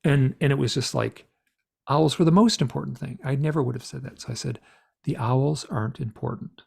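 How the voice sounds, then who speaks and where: A middle-aged man, the guest of an interview, telling a story in a rambling, animated way with lots of fillers. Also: mid-range voice, a little fast, vocal fry, husky.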